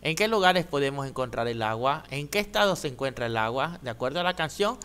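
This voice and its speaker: A man teacher giving a children's reading lesson, patiently sounding out words slowly and checking in with "¿ya?". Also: medium pitch, expressive, fairly bright tone, reverberant.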